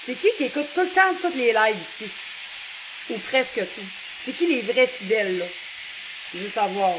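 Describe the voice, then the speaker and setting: A woman in her thirties with a Québécois French accent hosts a home cooking livestream, chatting with viewers and answering their comments as she cooks. Her voice is a little high and expressive at normal speed, with background noise and a sizzling pan in her home kitchen.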